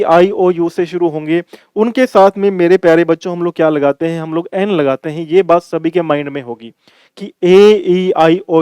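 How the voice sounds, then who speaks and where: High-voiced man teaching grammar. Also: darkish tone, clear, resonant tone, dry recording. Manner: addresses viewers as dear children, repeats points for emphasis. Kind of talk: classroom-style grammar lesson.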